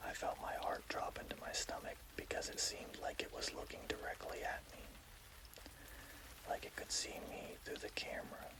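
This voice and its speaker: A person telling a scary story in a hushed, slow, deliberate ASMR whisper. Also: low-quality recording.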